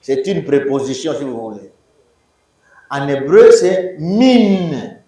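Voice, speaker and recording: A man's voice: mid-range voice, expressive, unhurried, warm tone. A man teaching a university class, repeating key words and quizzing his students. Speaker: Biblical Hebrew lecturer. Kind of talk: university lecture. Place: university lecture hall. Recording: roomy echoing hall, voice from far off.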